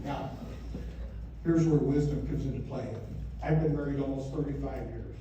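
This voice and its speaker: Heard from a distance in a very echoey room with clear background noise, an American man in his fifties or sixties gives a father of the bride speech. His delivery is conversational and joking, built like storytelling, with emphatic punchlines. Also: mid-range voice, steady tone, moderate pace, muffled recording. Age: 50s or 60s. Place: wedding reception room. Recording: echoey room from far off, noisy.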